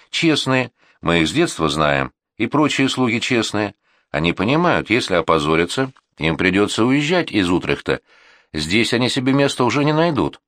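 A man's voice: medium pitch, a bit bright, dry recording, clean studio sound, voice pushed up. A male audiobook reader voicing an indignant, thrifty middle-aged housewife in a talkative, complaining way.

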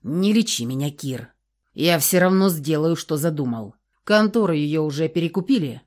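A stern, determined young man gives cold, clipped orders in a low voice, as a woman reading an audiobook puts him on. He sounds curt and firm, an audiobook character. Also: animated, normal speed, darkish tone.

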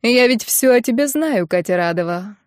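A woman's voice: fairly high pitch, animated, moderate pace, no room sound, clean studio sound, natural voice. A woman doing a sneering rich mother. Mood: mocking. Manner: mocking, sneering, commanding. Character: cold domineering wealthy middle-aged mother.

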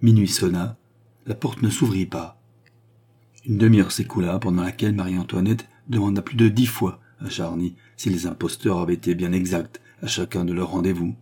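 A man narrating a classic novel as an audiobook in a measured, even storytelling manner. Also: sits low, husky.

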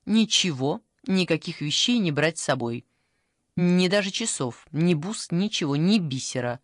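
A woman voicing a brisk, strict young female phone operator in an audiobook, pushy and salesy, recorded dry and close. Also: lowish voice, animated, dry recording. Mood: firm. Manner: pushy, salesy, rattling off offers. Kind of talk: audiobook character voice.

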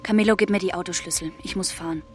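Willful haunted young woman, twenties, played by an actress: low-set voice, cryptic, flat delivery, slips into whispers. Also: very fast, soft background music, close to an everyday voice. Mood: odd, fixated. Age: 20s. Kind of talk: radio play acting.

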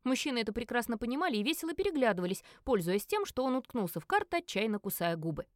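A woman reading a first-person novel aloud in an animated, wry storytelling manner. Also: fairly high pitch, fast, no room sound, clean studio sound. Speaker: audiobook reader.

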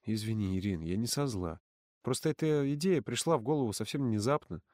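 A man voicing a soft-spoken, apologetic young male camp counselor in an audiobook, quiet and conciliatory. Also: medium pitch, animated, a little fast, no room sound, clean studio sound, close to an everyday voice.

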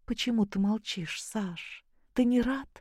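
An audiobook reader voicing a tearful young wife who speaks softly. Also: mid-range voice, a little slow, dry recording, clean studio sound, pitched above the performer's own voice, natural voice. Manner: soft, hushed.

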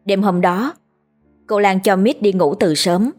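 A woman narrates a scripted horror story at a mid pitch. Her delivery stays steady and measured throughout. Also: soft background music.

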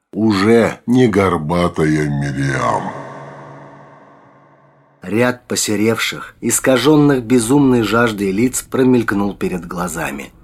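Low husky male audiobook narrator. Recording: faint music behind the voice.

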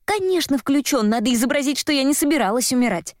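A woman reading a story aloud voices a sharp-tongued heroine trapped in a bath, speaking urgently and with exasperation. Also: high voice, expressive, quick pace, dry recording, clean studio sound, pitched above the performer's own voice. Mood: impatient.

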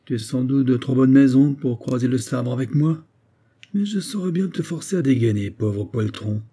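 A man voicing a brutal, mocking soldier with a loud, jeering delivery in an audiobook reading. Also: mid-range voice, normal speed, voice pushed up, lightly acted. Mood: angry. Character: brutal hulking male grenadier, mocking and quarrelsome.

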